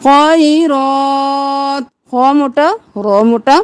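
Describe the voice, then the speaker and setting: Female tajweed teacher, high voice, patient letter-by-letter drills with slow chanted recitation. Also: a little mellow. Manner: breaks words into letters and vowels, slow drawn-out recitation. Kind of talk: tajweed lesson, explaining and reciting slowly.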